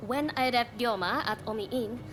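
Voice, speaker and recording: An actress plays a spirited, warm young Japanese woman, loyal to her companions, in a dramatic video game, sounding friendly and musing. Her voice is fairly high at normal speed, lightly acted, with background noise and music behind it.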